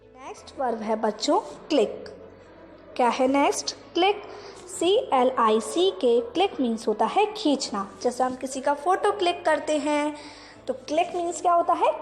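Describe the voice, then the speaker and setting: A woman school teacher, giving a vocabulary lesson to children, repeating each word and its meaning, asking questions and answering them herself, and spelling words out slowly. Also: sits high, in a large hall, a little hiss or hum. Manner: addresses the class as children.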